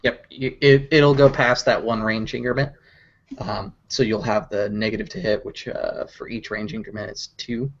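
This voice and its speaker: A man narrating as game master of a tabletop game, pausing often with fillers. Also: mid-range voice, fairly even intonation, creaky. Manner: hesitant, many fillers. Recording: dull lo-fi recording.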